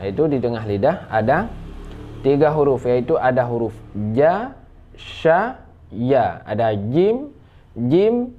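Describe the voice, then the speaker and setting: Indonesian man, tajwid teacher, unhurried demonstrating delivery, dull lo-fi sound. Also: mid-range voice. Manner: slow, patient, drawls sounds and recites in a raised chanting voice. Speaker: Quran recitation teacher. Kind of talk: tajwid lesson on letter articulation.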